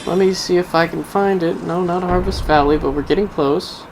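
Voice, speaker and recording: A man's voice: sits high, steady tone, moderate pace. A man giving casual, rambling gameplay commentary as host, musing wryly as if to himself. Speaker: gaming video host. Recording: clearly noisy background under voice.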